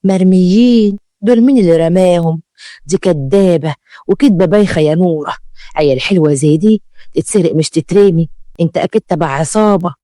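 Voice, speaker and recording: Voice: mid-range voice, fairly quick, dark tone, no echo, studio quality, close to an everyday voice. A storyteller with an Egyptian accent voicing an older neighbor woman who accuses someone of lying. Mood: accusing. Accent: Egyptian Arabic.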